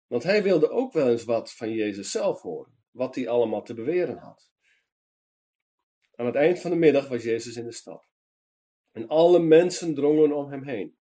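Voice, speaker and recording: A man reading a children's Bible story in a lively storytelling manner for a meditation program. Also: medium pitch.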